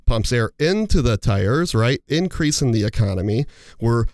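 A man's voice: medium pitch, animated, moderate pace, a little mellow, no room sound, clean studio sound. Rambling man hosting a money talk show. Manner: rambling, explains with analogies, many fillers and restarts. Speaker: financial advisor and show host. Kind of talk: casual radio talk show chat.

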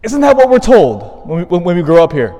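A man's voice: high-pitched, huge pitch swings, dark tone. A male priest reading the Gospel and preaching at Mass in a large church, his voice carried by a cathedral echo. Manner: measured reading, then emphatic rising stresses. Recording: long reverb of a large church.

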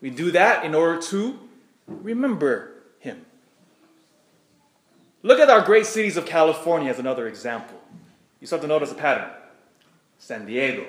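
A man's voice: mid-range voice, fairly bright tone. An American man preaching as a priest in church, addressing the congregation directly in a conversational way. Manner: asks the congregation questions, repeats phrases. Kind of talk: Gospel reading and conversational homily. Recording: echoey church.

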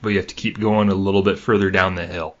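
A young man with a Yooper accent from Michigan's Upper Peninsula hosts a podcast, chatting casually, rambling, laughing easily and quizzing his co-host. He talks fast in a low, steady voice, and the recording is dull and lo-fi.

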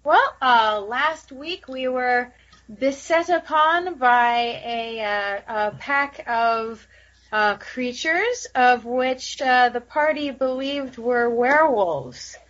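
A woman's voice: high voice, takes it slowly, fairly bright tone. A woman player chatting casually at a tabletop game, hesitant and full of fillers. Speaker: player, publisher. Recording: dull lo-fi audio.

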